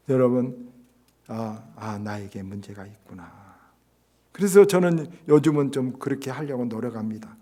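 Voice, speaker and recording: A middle-aged male pastor giving a sermon, swinging from loud exclamations to hushed whispers and acting out quoted dialogue in a scolding tone. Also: mid-range voice.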